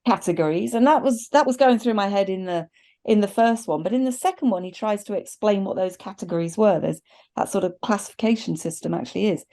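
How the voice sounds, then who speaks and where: A middle-aged woman co-hosts a film review podcast over a video call, seated at a desk indoors with a virtual backdrop. Her mid-range voice has a dark tone, and she talks casually in a thoughtful, hedging, conversational way.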